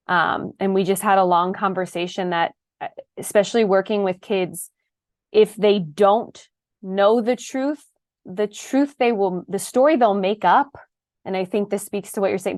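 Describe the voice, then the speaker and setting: A woman's voice: mid-range voice, no room sound, clean studio sound. A woman in her thirties, a panel guest, talking earnestly and telling a personal story in a casual discussion. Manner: earnest, storytelling, quick asides.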